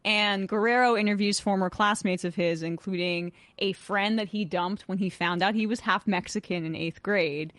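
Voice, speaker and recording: A woman co-hosting, giving animated casual commentary on a video clip. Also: mid-range voice, normal speed, hardly any pauses, no room sound. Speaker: co-host.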